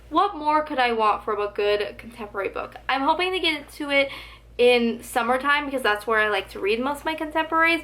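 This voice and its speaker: This book vlogger speaks at a fairly high pitch with a fairly bright tone. Filming a relaxed book tag video, she chats and gushes away, leaning heavily on "like," while her voice slightly falters.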